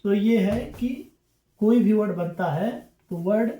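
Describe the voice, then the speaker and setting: An English teacher delivers a classroom-style grammar lesson in an echoey room, his high, mellow voice moving a little slowly with the highs cut off. He's patient, explains things repetitively, and checks in often.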